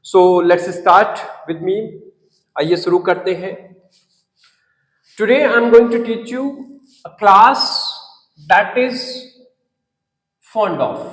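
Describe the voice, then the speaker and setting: A man with an Indian English accent gives an English lesson in a high, unhurried voice. He spells out and repeats key words with deliberate emphasis. The sound rings with a long, roomy reverb. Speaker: English teacher. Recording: echoey room with long reverb.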